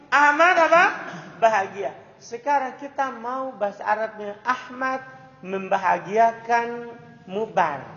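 In a classroom lesson on Arabic grammar, a man with an extremely high, sharp-toned voice keeps quizzing his students with repeated questions. The audio is dull and lo-fi, echoing as if in a hall.

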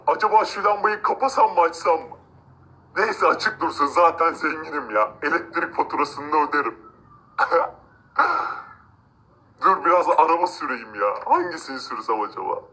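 A man's voice: on the high side, bright, forceful tone, poor audio. A man voicing an arrogant, cruel rich man who gloats, mocks and threatens villagers in a game-video drama. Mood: smug. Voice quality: gloating, mocking laughs. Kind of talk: amateur game role-play narration.

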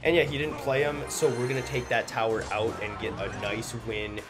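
A man's voice: mid-range voice, brisk. A young man with a slightly congested, stuffy nose gives casual gameplay commentary as a gaming video host. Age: young adult. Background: loud music.

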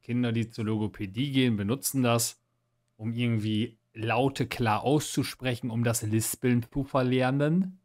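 A man on a casual podcast chat, joking around and quickly throwing out guesses. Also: mid-range voice, steady tone, darkish tone. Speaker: podcast co-host.

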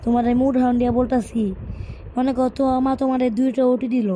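A woman's voice: sits high, level tone, fast, warm tone, slight background noise, lightly acted. A woman voicing an exasperated, scolding female interviewer. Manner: scolding, impatient. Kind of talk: comic cartoon dub.

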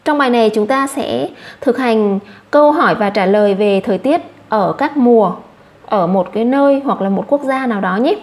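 A woman with a Vietnamese accent gives an English vocabulary lesson to children. Her voice sits a little high, and she repeats each English word slowly and patiently before explaining it. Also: a little mellow. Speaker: English teacher.

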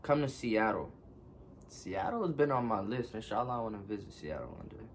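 A low-pitched vlogger in his twenties sits on his living room couch, reading fan questions aloud and answering them offhand in a relaxed, unhurried way. There's a slight hiss or hum on the recording.

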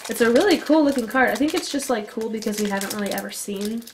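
A woman's voice: on the high side, quick pace, background noise. Chatty young woman host, casual tone, plastic crinkling in the background. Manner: chatty, laughs often. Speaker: channel host. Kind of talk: casual chat while opening cards.

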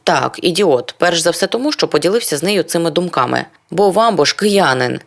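Brief: audiobook reader, first-person literary narration, brooding and introspective, mid-pitched voice. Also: lively intonation, brisk, creaky. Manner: brooding, introspective, rhetorical questions.

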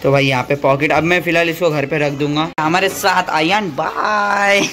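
A man, vlogging casually to his viewers in an excitable, chatty way with frequent laughter. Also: a little high, moderate pace, slight background noise. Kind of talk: casual vlog narration to viewers.

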